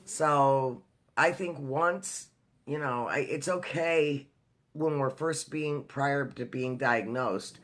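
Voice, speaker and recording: A man's voice: medium pitch, slow, a bit bright. A man talking in a casual video diary, telling a personal story in a chatty way with lots of fillers and restarts. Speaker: vlogger.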